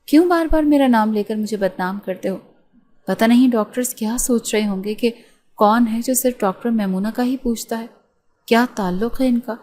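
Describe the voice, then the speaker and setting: A woman voicing an angry, sharp-tongued young woman doctor who scolds with scorn. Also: medium pitch, close to an everyday voice.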